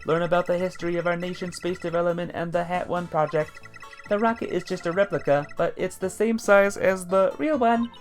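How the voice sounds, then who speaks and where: A woman voicing a cheerful female guide robot in a bright, singsong announcer manner, with a put-on robot voice. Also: on the low side, steady tone, a little fast, faint music behind, voice pushed up. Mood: announcing. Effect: robot voice, put on by the reader. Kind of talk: fan voice acting of a game.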